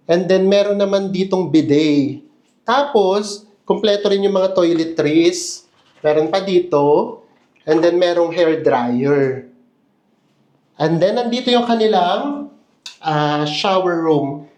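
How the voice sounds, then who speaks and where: A man's voice: sits high, slow pace, a little mellow. A man giving a casual, chatty tour of a hotel room, laughing often and making playful asides. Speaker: travel vlogger.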